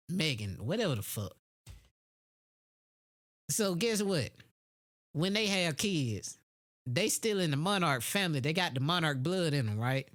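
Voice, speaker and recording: A medium-pitched American voice delivers an off-the-cuff opinion monologue. The talk is blunt and slangy, full of swearing, with phrases hammered again for emphasis. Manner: blunt, heavily profane, slangy. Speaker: podcast host. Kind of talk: unscripted opinion monologue, casual street talk.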